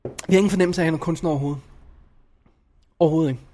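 A man's voice: fairly high pitch, warm tone, a little hiss or hum. A man reviewing a film in casual chat, blunt and opinionated, often restarting his sentences.

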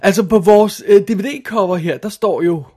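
A playful man co-hosting a film chat, throwing out questions to keep the talk going. His voice sits high for a man. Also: mellow, slightly rough. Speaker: podcast co-host. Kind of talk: casual film-review chat.

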